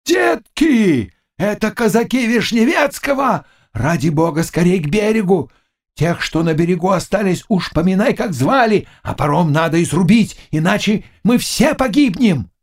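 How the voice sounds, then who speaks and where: A male narrator voicing a boisterous old nobleman who shouts and curses crudely in a high, strained voice. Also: big pitch swings, moderate pace, heavily acted. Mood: panicked yelling.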